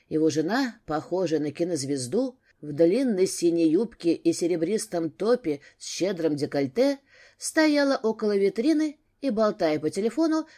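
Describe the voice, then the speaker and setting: A woman narrating a novel aloud in an expressive storytelling manner. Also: medium pitch. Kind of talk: audiobook narration.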